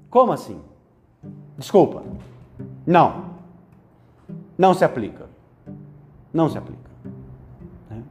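A man's voice: high-pitched, mellow. A man with a Brazilian Portuguese accent giving a spoken meditation to young men, conversational and playful, tagging phrases with "né?". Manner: conversational, frequent "né?" tags, playful asides.

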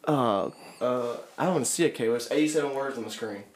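A young man co-hosting a casual podcast, joking around with quick comebacks. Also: medium pitch. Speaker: podcast co-host.

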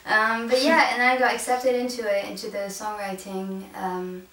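A woman's voice: mid-range voice, little pitch movement, normal speed, a bit bright. A young woman from France with an American accent, chatting casually as a musician being interviewed. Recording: echoey room, distant mic, background noise.

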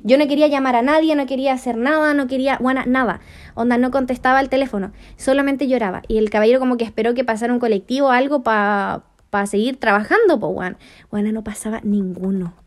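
A woman's voice: on the high side, fast. A woman with a Chilean accent telling a story in casual chat, full of slang and swearing.

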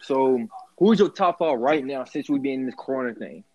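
A man's voice: mid-range voice, expressive, normal speed, a little mellow, dull audio. A man in his twenties hosting with casual, slangy interview banter. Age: 20s. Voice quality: slangy delivery. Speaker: host.

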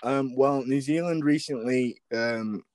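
Young yorkshire bloke, mid-pitched, dry sound, self-mocking banter. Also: male voice, measured pace, a little mellow, no echo. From England. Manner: wry, self-mocking, laughs often. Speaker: podcast co-host. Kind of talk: casual chat.

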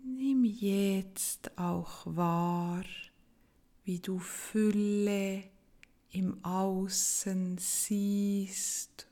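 Female meditation guide: soft, breathy and soothing, mellow low-leaning tone, extremely unhurried delivery with long pauses. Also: steady tone.

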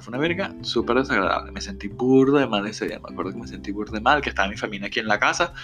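A young man with a Venezuelan accent telling a personal story at home, chatty and expressive, swearing freely and calling his listeners "my love". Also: fairly low pitch. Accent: Venezuelan Spanish. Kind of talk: casual storytelling monologue.

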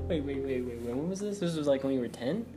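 A young man co-hosting a casual podcast chat with his brothers, talkative and teasing. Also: medium pitch. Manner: talkative, teasing, laughs often. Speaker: podcast co-host. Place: bedroom at night. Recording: music under the voices. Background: music playing.

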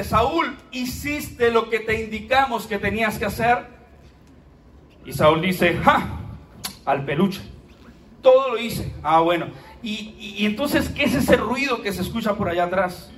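High-voiced pastor preaching. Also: male voice, far from the mic, slight background noise. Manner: animated storytelling with humor. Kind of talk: sermon. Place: church hall.

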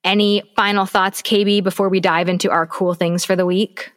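A woman's voice: medium pitch, flat delivery, normal speed, fairly bright tone. A woman co-hosting a business podcast, giving advice in an emphatic, coaching way and repeating her key points. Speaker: podcast co-host. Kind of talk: casual business podcast chat.

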